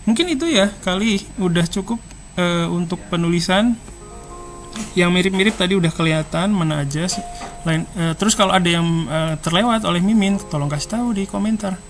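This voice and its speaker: A chatty language teacher in a relaxed lesson, sounding out syllables one by one and repeating them for the learner. The pitch sits in a middle range, with soft music faintly underneath. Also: fairly quick. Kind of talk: casual online lesson.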